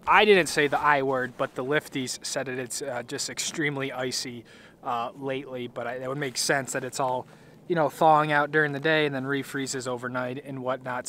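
A man in his thirties giving wry, relaxed running commentary while skiing and riding a chairlift outdoors. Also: mid-range voice. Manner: wry, relaxed, thinking aloud. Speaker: ski vlogger. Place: outdoors on ski slopes and chairlift. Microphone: helmet or action camera mic, selfie framing on lift. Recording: loud wind and ski noise.

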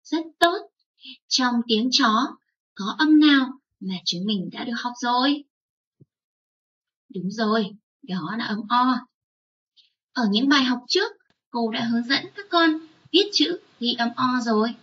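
A woman teaching young children, spelling out sounds slowly and drawing out each syllable. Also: fairly high pitch, animated, fairly bright tone, distant mic, highs cut off, a little hiss or hum. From Vietnam. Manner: slow, drawn-out spelling aloud. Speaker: first-grade teacher.

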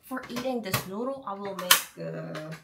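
Indoors at her home kitchen table, this young cooking vlogger with a Korean accent keeps up a chatty, casual cooking talk, mixing in Korean as she cooks and eats. Her medium-pitched voice has lively intonation and a measured pace, with some creak. Heavy background noise, including sizzling and frying from the pan, fills the recording.

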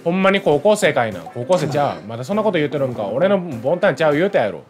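A tough, blunt gangster scolds in a Kansai accent, as a man reading game lines puts him on. He talks short and rough. The voice sits a little high. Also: sing-song, very fast, music in the background. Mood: scolding. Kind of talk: reading game dialogue aloud.

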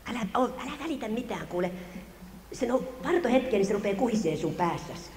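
A pushy young drinking buddy, put on by a preacher, wheedles in a soft, persuasive voice. The sound is roomy, with a long hall tail and faint background noise. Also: male voice, high-pitched, animated, voice pushed up. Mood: wheedling.

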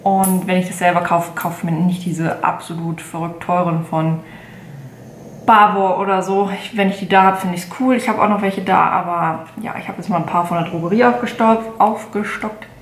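A woman's voice: on the low side, fairly even intonation, moderate pace, roomy sound, slight background noise. Chatty woman in her late twenties. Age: 20s. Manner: chatty, rambling, many fillers and self-corrections. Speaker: beauty vlogger. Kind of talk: casual haul vlog. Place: bedroom at home, indoors.

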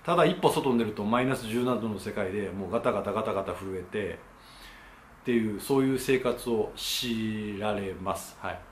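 A man with a lowish voice talks fairly quickly and with lively intonation as he hosts his own channel. His casual explainer to camera is polite and laced with many hesitation fillers. Recorded in an echoey room, it carries faint ambience and a bit of background noise.

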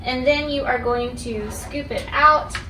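Young woman walking thru a recipe at home, kinda high voice, mic far off, roomy kitchen sound. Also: a little slow, bright, forceful tone. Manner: clear, instructive, addresses viewer directly. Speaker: cooking instructor. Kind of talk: step-by-step cooking demonstration. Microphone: camera across the kitchen. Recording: echoey kitchen, voice from off-mic, household noise.

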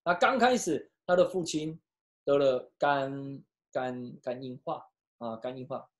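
A pastor with a mid-range voice tells a story as part of a sermon, emotionally swinging sharply between hushed and loud delivery. He sometimes halts and restarts his sentences.

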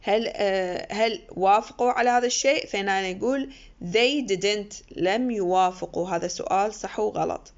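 A woman lecturer, explaining an English text line by line in with many pauses and fillers. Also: mid-range voice. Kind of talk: recorded university lecture. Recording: muffled lo-fi recording.

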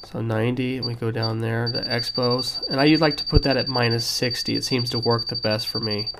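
A sick man casually walking through the settings on a radio transmitter at a cluttered workbench, relaxed and step by step. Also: medium pitch, a little fast, very noisy. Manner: relaxed, with fillers and step-by-step instructions. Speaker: hobbyist demonstrating a radio transmitter. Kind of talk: casual tutorial walkthrough.

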